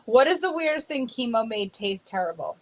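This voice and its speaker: A woman with a fairly high voice that swings widely in pitch, chatting on a podcast over a video call. She is jokey and blunt and swears freely. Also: very animated, brisk. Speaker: podcast co-host. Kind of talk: casual chat.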